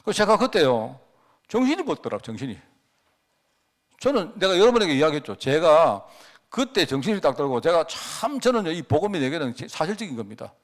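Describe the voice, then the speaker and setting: Animated male pastor preaching. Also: fairly high pitch, fairly quick. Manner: rhetorical questions to the congregation; personal storytelling with emphatic swells and drops. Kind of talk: sermon.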